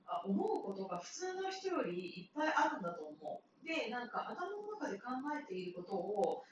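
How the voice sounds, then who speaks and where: A woman in her thirties rambles through a casual solo talk, chatty and quick to laugh. She sits far from the mic in a very echoey room. A noisy background runs under her voice. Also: fairly high pitch. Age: 30s. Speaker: podcaster.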